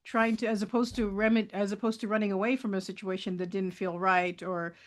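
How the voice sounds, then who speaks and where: A woman's voice: mid-range voice, steady tone, fairly quick. A woman hosting an interview show, reading polished introductions and asking questions, often murmuring agreement while her guest speaks.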